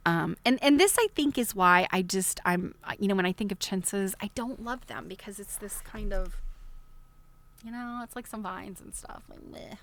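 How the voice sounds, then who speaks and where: With a mid-range, slightly bright voice at a moderate pace, a woman reads from a book on her casual livestream. She digresses into chatty asides and frequently dissolves into chuckles.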